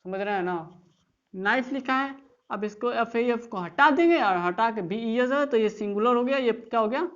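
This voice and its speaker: A woman's voice: on the high side, moderate pace, muffled recording. A woman teaching English grammar in an online class, explaining step by step and often checking that students follow.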